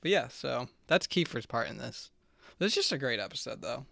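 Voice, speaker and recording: A man's voice: medium pitch, big pitch swings, a little fast, vocal fry, pushed and bright, no room sound. A man co-hosting a podcast, chatting casually with a rambling style full of "like" and "just.". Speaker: podcast co-host. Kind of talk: casual chat.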